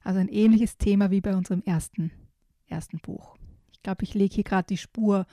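A woman presenting and reading children's picture books aloud, telling the stories warmly and speaking directly to a young listener, with some hesitations. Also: mid-range voice, normal speed, dry recording, clean studio sound. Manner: lively storytelling with shifted voices for animals.

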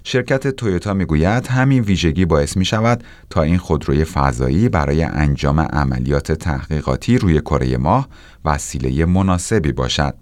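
A man's voice: extremely low pitch, animated, a little mellow, no room sound. A man presenting technology news as scripted narration.

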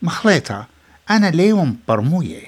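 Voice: mid-range voice, big pitch swings, fast. A language teacher explaining short English phrases and cueing the listener to repeat them. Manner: explains then cues repetition.

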